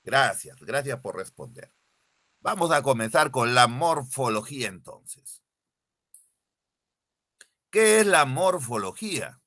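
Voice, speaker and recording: A man's voice: medium pitch, sharp tone, no room sound, studio quality. A male teacher giving an online exam-prep class, repeating key definitions and quizzing his students directly. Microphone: computer mic, screen sharing.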